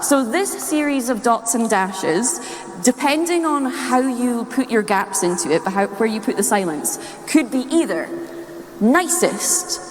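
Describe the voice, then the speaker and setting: Fairly high-pitched, animated, and a little slow, a Scottish woman gives a live talk in a large hall, with slight background noise and an echoey, long-reverb sound. The talk is playful, funny, and nerdy, and she chuckles at her own wordplay.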